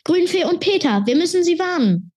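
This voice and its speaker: A small winged male creature gasps out alarmed warnings in a high, tight voice, voiced by a woman reading a children's book. His speech sounds anxious and hurried. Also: expressive, a little mellow. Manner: alarmed, breathless.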